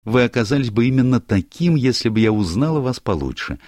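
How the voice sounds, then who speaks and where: A man's voice: medium pitch, expressive, a little fast, a little mellow, dry recording, clean studio sound, voice pushed up, lightly acted. A man voicing a teasing, outspoken young woman in an audiobook, gushing and theatrical. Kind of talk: audiobook character voice.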